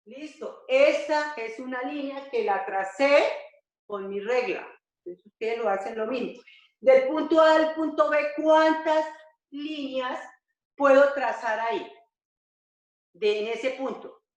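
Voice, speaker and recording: High-voiced teacher in an echoey room. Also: female voice. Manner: slow, repetitive, checks with "¿cierto?". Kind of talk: remote math lesson for children. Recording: echoey dull home recording.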